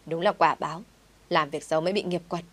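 A woman's voice: low voice, fairly even intonation, fast, fairly bright tone. A woman voicing a spiteful young woman. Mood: sneering. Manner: sneering, resentful.

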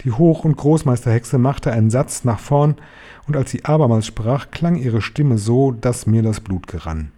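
A man reads a children's novel aloud in a calm, measured way. His voice sounds warm and dark, at an ordinary male pitch. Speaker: reader.

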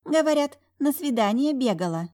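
A sly, spiteful young noble sister, as a woman reader puts her on in a storybook reading, with a very high, thin voice. She hisses her coy taunts. Every line drips mockery. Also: expressive, moderate pace, mellow. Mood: mocking.

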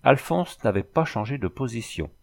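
A man reading a novel aloud as audiobook narrator, in measured literary narration. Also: medium pitch, sing-song, creaky, darkish tone.

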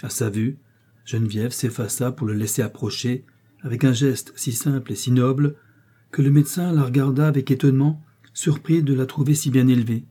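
A man narrating a novel as an audiobook, with a steady, expressive literary reading. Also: mid-range voice, normal speed, slightly rough.

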